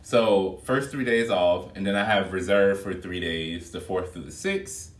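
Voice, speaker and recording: A man's voice: low voice, measured pace. Chatty man on echoey phone video. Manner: chatty and expressive, addresses viewers as y'all. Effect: recorded on a phone video. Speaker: flight attendant vlogger. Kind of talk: casual vlog chat to viewers. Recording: echoey room, phone mic held back at a distance.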